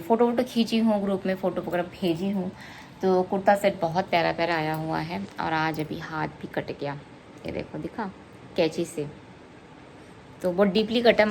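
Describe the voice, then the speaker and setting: A woman's voice: on the low side, a little hiss or hum. A woman, a single mother chatting casually in a vlog and venting about critics. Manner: chatty, venting, switches to soft talk with her child.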